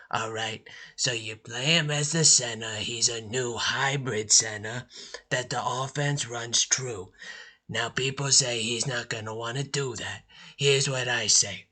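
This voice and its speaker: A man voices a blustery middle-aged uncle in a comedy voicemail rant, lecturing about basketball in a folksy, preachy way and repeating "all right?" and "look". His voice is medium-pitched, pushed, and bright.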